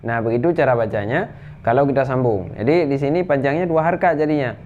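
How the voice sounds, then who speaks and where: A man teaching tajwid, explaining rules briskly and then reciting verses slowly in a higher chant. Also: darkish tone, highs cut off, slight background noise.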